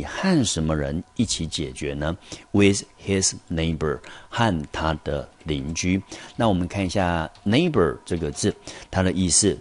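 Deep-voiced teacher. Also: male voice. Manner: patient explaining, drawn-out pauses on "呢" and "好". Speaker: English teacher. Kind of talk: vocabulary lesson.

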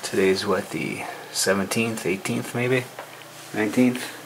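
A man in his thirties vlogs casually at home, moving between the kitchen and living room, chatty and a little grumbly in a laid-back way. His voice is lowish and steady, unhurried, picked up on a camera mic with background noise.

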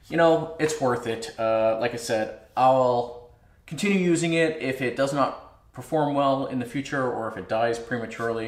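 A man in his forties hosting a casual tool review vlog, thinking aloud with many fillers, recorded in his home garage workshop on a camera mic. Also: lowish voice. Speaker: woodworking channel host. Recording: echoey garage with loud background noise.

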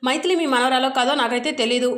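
A woman's voice: high-pitched, fast, fairly bright tone, echoey room. A woman reading as a cheeky courier guy. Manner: reads the lines in her own narrating voice. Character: cheeky young male courier.

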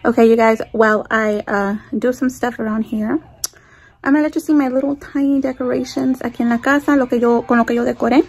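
A woman's voice: on the high side, fairly even intonation, moderate pace. A woman vlogging in a casual, chatty way, switching between Spanish and English mid-sentence and talking straight to her viewers. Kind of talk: casual vlog chat.

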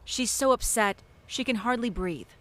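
A woman's voice: a little high, a bit bright, no room sound. Woman reporter, dry news voice-over. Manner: measured, grave narration.

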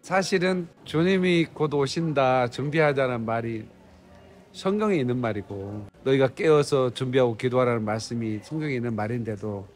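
A man's voice: medium pitch, moderate pace. A man in his fifties, a pastor, conducting a casual conversational interview indoors with a handheld phone as microphone. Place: indoor hotel lobby lounge.

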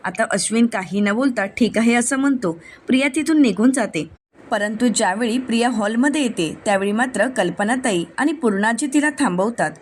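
Woman, serial recap narration, steady reading, fairly high voice, faint background noise. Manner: steady read-aloud storytelling.

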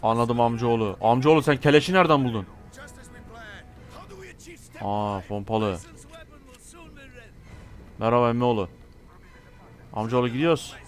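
A man with a Turkish accent commentating on a shooter game, swearing constantly and shouting battle cries at the screen. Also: mid-range voice, a little slow, pauses often, faint music behind. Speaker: gameplay commentator. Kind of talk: profane gameplay commentary.

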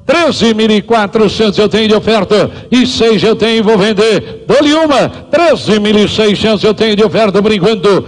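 A Brazilian man calls a live auction in a high-pitched voice. His bid calling is a rapid, repetitive auctioneer's chant. The sound rings with the long reverb of a hall.

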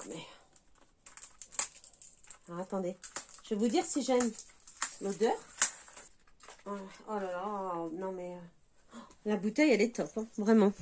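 A woman's voice: medium pitch, dark tone, slight background noise. A middle-aged woman from France chatting casually as she unboxes beauty products, full of enthusiastic exclamations. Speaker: beauty vlogger.

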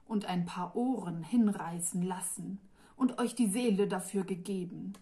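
A woman's voice: medium pitch, a little slow, dark tone, natural voice. A woman reading the part of an arrogant male devil with three tongues, smug and patronizing.

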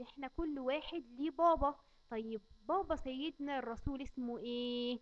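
A woman with an Egyptian Arabic accent teaching small children to recite, slowly drawing out each phrase for them to repeat. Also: high voice, lo-fi sound. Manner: slow, drawn-out recitation for repeating. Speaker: kindergarten teacher.

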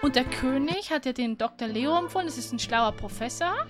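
Over game music, a woman with a high, expressive voice talks briskly as co-host of a gaming livestream. She's chatty and informal, mixing casual chat with a recap of the game.

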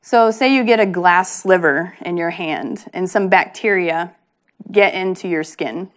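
A woman's voice: fairly low pitch, measured pace. A woman research scientist giving a patient, plain-spoken public lecture, with frequent ums.

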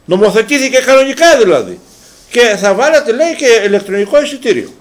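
A man from Greece hosts a local television sports talk show in a high-pitched voice. He rants with animated energy, throwing rhetorical questions at his audience in casual commentary. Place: local TV studio.

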